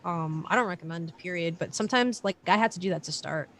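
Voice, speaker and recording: A woman's voice: fairly low pitch, fast, fairly bright tone, a little hiss or hum. Casual woman in her late twenties. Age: late 20s. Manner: loose, filler-heavy talk with casual swearing. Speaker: digital marketer guest. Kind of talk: casual live-stream chat.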